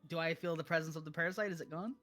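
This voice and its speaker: A man's voice: fairly high pitch, fairly even intonation, a bit bright, faint music behind. A man as a player at a tabletop game, chatting casually and laughing easily. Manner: easygoing, quick to laugh.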